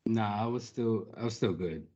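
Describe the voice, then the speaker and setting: A man's voice: on the low side, normal speed, a little mellow, muffled recording. A man guesting on a casual podcast, easygoing with short answers about his artwork.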